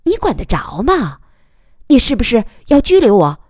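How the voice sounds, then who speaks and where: A woman voicing a feisty, sharp-tongued young woman journalist who fires back in rapid retorts. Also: fairly low pitch, sing-song, dry recording, studio quality. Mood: furious.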